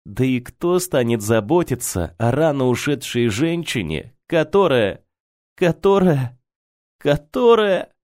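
A shrill, melodramatic society mother wails high and lively, pitch swooping all over, as a male audiobook reader puts her on. She sounds self-pitying and theatrical. The recording is dry and close. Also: takes it slowly, dry recording.

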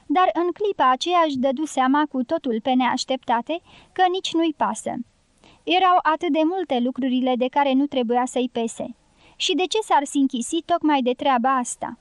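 A woman narrating an audiobook in steady, scripted reading. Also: high-pitched, no echo.

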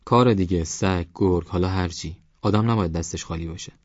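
A man's voice: low voice, no echo, dull audio. A man voicing a caring, protective old village grandmother in an audiobook, talking in a fussing, cautioning way. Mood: tender.

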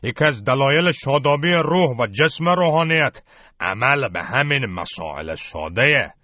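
A man's voice: medium pitch, expressive, no room sound, natural voice. A man playing a greedy, dismissive cleric. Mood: smug. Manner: slow, drawling, dismissive, demands payment. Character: greedy, brusque male cleric posing as a counselor. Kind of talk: radio satire sketch. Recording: dull, dry radio studio sound.

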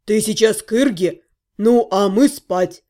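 A woman voicing a blunt, sardonic male half-gnome who talks in a gruff, dry way. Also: high-pitched, a little slow, mellow, voice pushed down. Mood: grumbling. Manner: gruff, dry and matter-of-fact.

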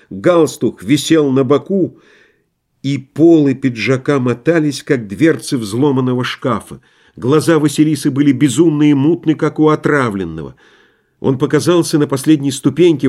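Man narrating a novel, measured and dramatic. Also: mid-range voice, mellow. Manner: measured, dramatic storytelling with acted dialogue. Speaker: audiobook narrator. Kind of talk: literary audiobook reading.

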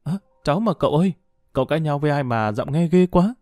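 A man voicing a sweet-voiced, chatty young niece in a narrated audio story, talking in a lively, ringing way. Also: low voice, quick pace, dry recording, clean studio sound, soft background music, pitched above the performer's own voice. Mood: cheerful.

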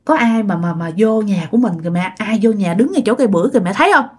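A woman's voice: mid-range voice, animated, racing, a little mellow, breathy edge. A woman with a Southern Vietnamese accent quoting a frightened little girl who stammers urgently to her mother. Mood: scared.

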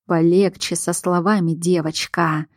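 A woman voicing a calm, controlling male alpha werewolf in an audiobook, speaking low and measured. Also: dry recording, clean studio sound. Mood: menacing.

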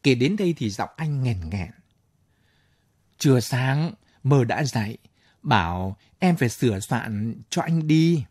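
A man narrating a late-night audio story in a calm, measured way. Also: medium pitch, slightly rough, no room sound, studio quality. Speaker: story reader.

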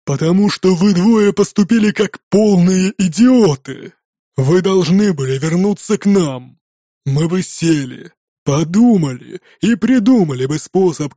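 A man's voice: on the high side, animated, unhurried, dark tone, no echo, clean studio sound. A man putting on a sneering viking oarsman. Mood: scolding. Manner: sneering, hammering each word. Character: scornful sarcastic male viking rower, hot-tempered. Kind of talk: audiobook character voice.

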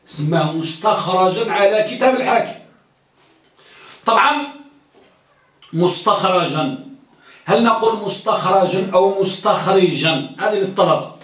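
Male lecturer, high voice, quizzes students and repeats points; far from the mic in a very echoey classroom. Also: moderate pace, long pauses, fairly bright tone. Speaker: teacher of hadith studies. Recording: very echoey room, distant mic.

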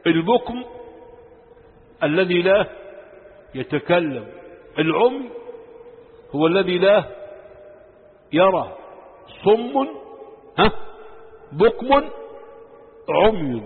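Egyptian man, high voice, teaching a religious lesson and quizzing his listeners, recorded in a reverberant hall. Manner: asks the audience questions and answers them himself. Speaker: sheikh teaching Quran commentary. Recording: tinny lo-fi sound in a reverberant hall.

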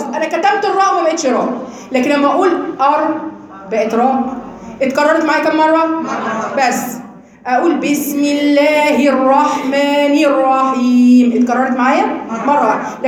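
Fast high-voiced Egyptian woman teaching. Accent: Egyptian Arabic. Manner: explains then demonstrates sounds slowly, quizzing students. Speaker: Quran recitation teacher. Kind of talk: live class lecture on tajweed. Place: classroom or hall with students. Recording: very echoey room with people around.

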